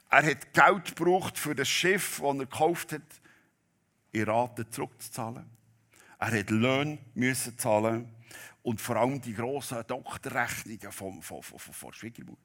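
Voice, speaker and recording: A man preaching a sermon, telling a Bible story dramatically and swinging between loud and hushed delivery. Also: medium pitch, a little slow.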